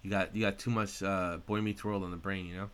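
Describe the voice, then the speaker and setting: A man co-hosting a podcast in casual chat, excitable and rambling, swearing often. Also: sits low, fairly quick, smooth. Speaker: podcast co-host.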